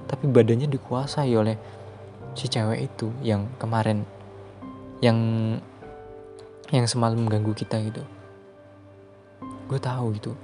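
A man's voice: medium pitch, warm tone. A man telling a true horror story in casual chat, rambling and repeating himself, dropping his voice on the eerie parts.

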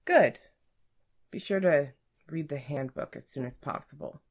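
A woman's voice: deep voice, a little slow. A woman reading aloud and voicing a stern, haughty female office manager who scolds in a clipped way.

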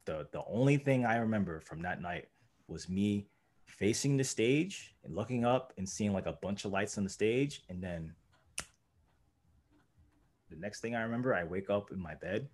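A young man, a guest, telling a story casually and filling his talk with "like" and "you know". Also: fairly low pitch. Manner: rambling, heavy use of "like" and "you know".

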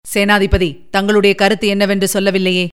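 A woman voicing a calm, composed young prince who speaks gently and without hurry. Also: mid-range voice, a little fast, clear, resonant tone, close to an everyday voice.

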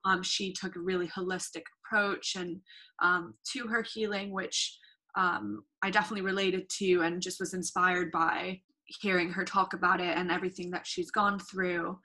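Co-host: woman, lowish pitch, bright edge, easygoing and reflective. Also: normal speed. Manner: relaxed, reflective, filler-heavy. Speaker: podcast co-host. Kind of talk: casual podcast chat.

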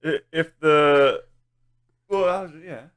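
A man's voice: fairly high pitch, slow, fairly bright tone, clear, resonant tone, no echo. A man hosting a podcast in casual chat, laid-back and stumbling over his words as he goes. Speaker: podcast host.

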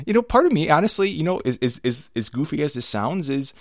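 A middle-aged man with a gravelly voice, a little hoarse from a cold, hosting a casual podcast as an enthusiastic, rambling storyteller. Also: on the high side, sing-song, quick pace, dry recording, clean studio sound. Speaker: podcast host.

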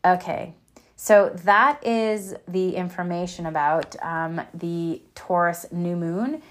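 A woman's voice: fairly low pitch, fairly even intonation, takes it slowly. A woman hosting a meditation session, giving an informal spoken introduction. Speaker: meditation host.

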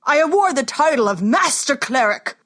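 A woman narrator voicing a commanding male king who thunders formal proclamations, loud and stately. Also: medium pitch, sing-song, slow, full character voice.

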